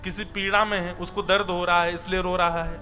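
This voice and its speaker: A man giving a devotional sermon, telling a sacred story with expressive emphasis and often addressing his listeners as brothers. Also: high-pitched, fairly quick, long reverb tail. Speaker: kathavachak preacher. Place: stage at a religious discourse.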